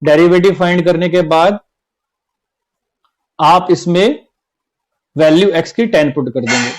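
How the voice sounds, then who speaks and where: Over a noisy background, a man with a slightly high, unhurried voice teaches class-twelve maths online. Walking through the material step by step, he repeats each important point and often adds "theek hai".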